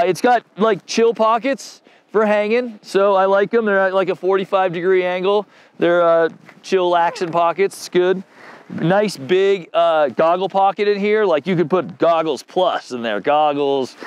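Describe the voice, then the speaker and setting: A man in his forties with a slightly high voice reviews ski gear in a relaxed, slangy ramble. He stands outdoors on a snowy ski slope, recorded on a lapel mic. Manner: laid-back, slangy, rambling. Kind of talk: casual product review.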